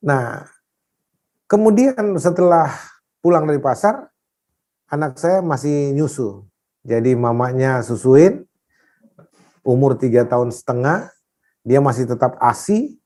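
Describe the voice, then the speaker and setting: A pastor telling a dramatic personal testimony in an interview, animated, rising at times to loud prayer. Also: male voice, mid-range voice, unhurried, pauses often.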